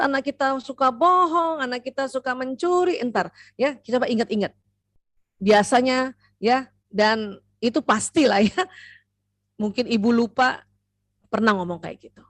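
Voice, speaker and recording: A woman doctor giving a seminar lecture to mothers, lively and talking straight to her audience. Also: on the high side, no room sound. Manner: lively, acts out parent and child voices; addresses the audience directly with frequent "ya".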